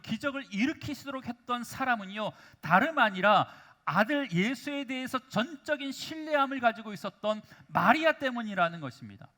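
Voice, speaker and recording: A man's voice: extremely high pitch, pushed and bright. A male pastor preaching a sermon in a church, often calling out to the congregation and asking rhetorical questions. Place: church sanctuary.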